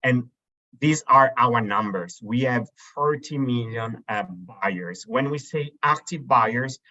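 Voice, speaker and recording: An Italian man in his thirties hosts a marketplace webinar, presenting slides slowly in a medium-pitched, sharp-toned voice. He hesitates a lot, with many fillers and restarts, over dull lo-fi video call audio.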